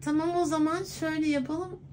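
Man doing a high-pitched coy woman's voice. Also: fairly even intonation, a little fast, a little mellow, a little hiss or hum. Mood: flirty, sweet. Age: 20s. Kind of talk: prank phone call. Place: clothing shop, indoors.

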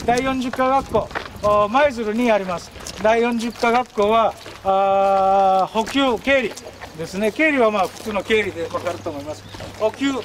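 A man, giving a folksy guided-tour explanation with drawn-out fillers and anecdotes. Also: high-pitched. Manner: folksy, drawn-out fillers and frequent tag words. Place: open outdoor grounds. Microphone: camera a few steps away. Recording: outdoor camcorder audio with clear ambient noise.

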